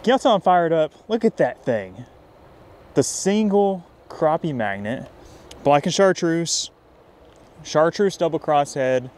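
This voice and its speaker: A young man narrating his night fishing trip by a riverbank in a casual vlog style. He gets excitable, whooping and hollering whenever a fish bites. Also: on the high side, a little slow. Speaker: fishing vlogger. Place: riverbank near a dam at night, outdoors.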